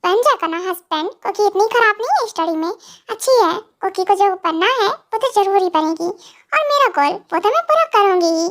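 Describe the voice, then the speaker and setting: A woman's voice: very high voice, lively intonation, fairly quick, fairly bright tone, exaggerated voice. A woman voicing a cheeky young wife who calls herself a back-bencher, playful and teasing, in a fan audio drama.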